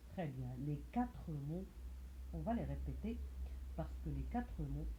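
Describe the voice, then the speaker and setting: A woman's voice: sits low, expressive, unhurried, mellow, slight background noise, poor audio. A woman teaching a phonics reading lesson to young children, patiently asking questions and repeating each word aloud. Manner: patient, repeats words and syllables aloud, asks questions and answers them herself.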